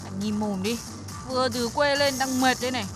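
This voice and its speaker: An actress playing a brash young party girl with a high voice who talks slang and waves things off. Loud music plays under the scene. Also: brisk, lightly acted. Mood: impatient. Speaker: actor in a TV skit.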